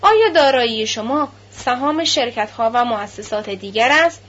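A woman voicing a methodical male notary who questions in a measured, formal way. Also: fairly high pitch, lively intonation, a bit bright. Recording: slightly muffled lo-fi recording.

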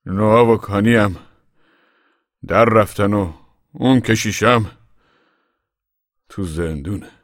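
Brief: man voicing a tired, worried old farmer, low voice, dry sound. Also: pauses often, no room sound, close to an everyday voice. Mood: pleading. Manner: worried, pleading.

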